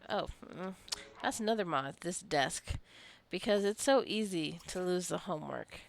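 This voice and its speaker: Fairly low-pitched and creaky, this woman's voice has lively intonation and a moderate pace, with a little hiss or hum in the audio. A tired streamer craving coffee, she rambles casually over her game and teases her characters with mock scolding.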